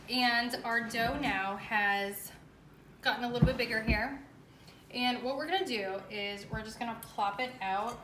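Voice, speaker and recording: A woman with a slightly high, somewhat bright voice presents a casual, step-by-step home baking demonstration, chatting informally with the viewer. The indoor kitchen is echoey, and faint background noise can be heard.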